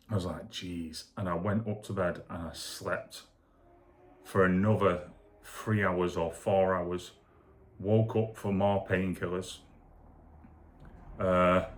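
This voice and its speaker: A man speaking candidly and casually in a rambling video diary, foggy and low on energy after surgery. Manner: rambling, candid, matter-of-fact. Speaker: vlogger recovering from shoulder surgery.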